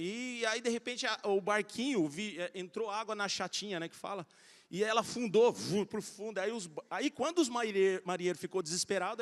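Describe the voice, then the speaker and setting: A middle-aged man preaching a sermon, telling stories in an animated way and acting out the voices of the people in them. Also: high-pitched. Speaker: pastor. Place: large church hall. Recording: church hall reverb.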